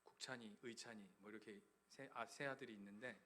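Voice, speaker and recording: A male pastor giving a Christmas sermon in a church, telling stories with sudden loud bursts and hushed, nearly whispered passages. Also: fairly low pitch, fairly even intonation, brisk, a little hiss or hum. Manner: storytelling preacher swinging from loud emphatic bursts to hushed near-whispers. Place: church sanctuary.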